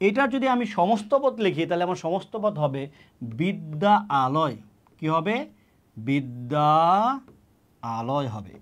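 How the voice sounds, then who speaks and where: A man's voice: sits high, expressive, normal speed. A man giving an exam-prep grammar lesson, often repeating key words and asking and answering his own questions. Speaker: teacher.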